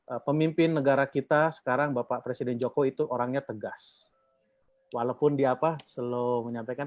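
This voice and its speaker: A man from the Batak region speaks informally to a church group. He rambles, uses a lot of fillers and poses questions for the listeners to complete. The recording is dull and dry, like low-fidelity audio. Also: dry recording. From Batak, North Sumatra.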